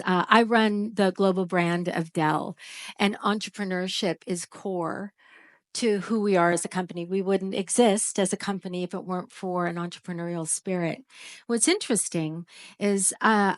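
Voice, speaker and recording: Woman exec on a panel, confident, emphatic, mid pitch. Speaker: corporate brand executive. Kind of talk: panel discussion.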